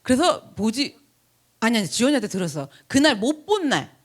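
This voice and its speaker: A middle-aged woman pastor telling a chatty, animated story in a sermon, acting out the people she quotes. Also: on the high side, fairly quick. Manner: chatty, animated anecdote with laughs and acted quotes. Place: church.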